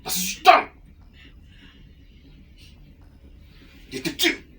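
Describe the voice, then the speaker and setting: An actor playing a lecherous, manipulative middle-aged uncle, insistent and wheedling. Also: male voice, fast, sharp tone. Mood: pushy. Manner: insistent, wheedling, keeps tagging "hein?". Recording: distant mic with background music.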